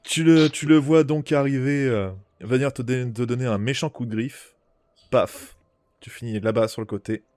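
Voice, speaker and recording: A man leads a tabletop role-playing game in a middle-pitched voice. He narrates informally, with hesitations and spoken sound effects. The recording is dry and free of room sound. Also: steady tone, normal speed, a little mellow, no echo. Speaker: game master.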